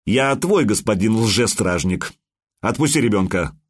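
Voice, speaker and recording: A man voicing a calm male witcher who speaks in a cool, measured, ironic tone. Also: fairly low pitch, husky, no room sound, clean studio sound.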